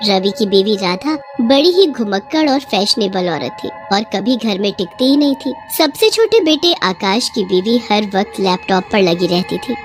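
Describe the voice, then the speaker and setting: A woman narrating a bedtime horror story in a steady, expressive manner. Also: mid-range voice.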